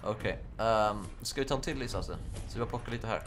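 A young man giving casual, excitable commentary while playing a video game, yelping and shouting during fights. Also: on the low side, slight background noise. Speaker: gaming YouTuber. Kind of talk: casual Let's Play commentary.

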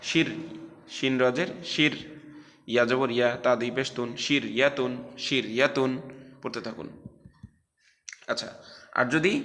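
A man teaching a Quran recitation class, spelling out letters and drawing out recited words slowly between explanations of the rules. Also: medium pitch, pushed and bright, long reverb tail. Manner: slow, drawn-out recitation of syllables, then explaining rules.

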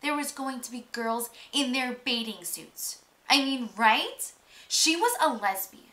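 A woman's voice: on the high side, animated, a little slow, bright, forceful tone. A young woman performing a monologue as a mean, spiteful, popular teenage girl, with a catty, gossipy, mock-sweet drawl. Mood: spiteful, dismissive. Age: young adult. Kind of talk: acted film monologue. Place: small room indoors. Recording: roomy, echoey home recording.

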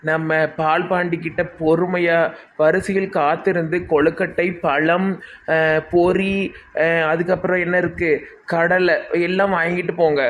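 Man, somewhat high, village puja announcer skit role, faint outdoor hum. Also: level tone, a little slow, a bit bright. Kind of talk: acted comedy skit.

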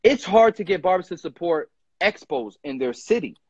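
A man's voice: sits high, animated, darkish tone, husky, no room sound. A young man who is a barber educator, talking passionately and emphatically on a live stream from a room at home, recorded on a phone camera at arm's length with dull lo-fi audio. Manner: passionate, emphatic, quick restarts. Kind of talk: casual live chat. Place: indoor room with ceiling fan. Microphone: phone front camera at arm's length.

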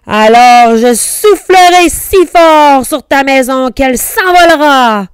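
A woman voicing the big bad wolf, a hungry, hot-tempered male wolf who shouts his threats. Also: high-pitched, lively intonation, slow, no room sound, pitched above the performer's own voice. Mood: furious. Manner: loud and shouting.

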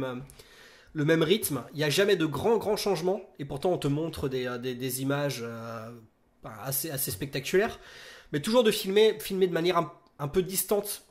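Man, 30s, film critic in casual talk, slightly higher voice, halting delivery with fillers. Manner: hesitant, many fillers and restarts.

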